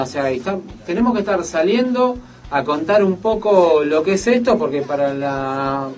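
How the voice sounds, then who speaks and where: Guy guest on radio, slightly high voice, explains stuff slowly, sounds far from the mic. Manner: explanatory, measured, thinking aloud. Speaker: interview guest. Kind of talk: radio interview. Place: radio studio.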